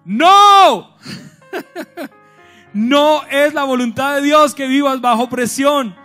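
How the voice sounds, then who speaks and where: A male pastor preaching a lively sermon to a large church congregation, with bursts of shouting and acted-out scenes. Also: very high voice, slow, soft background music. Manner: animated preaching, shouts and acts out scenes with humor.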